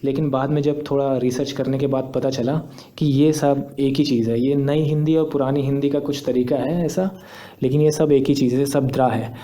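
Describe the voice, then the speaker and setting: A man's voice: medium pitch, steady tone, normal speed, warm tone. A young man, patiently explaining step by step in a screen tutorial. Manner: patient, step-by-step, repeats points. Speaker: teacher.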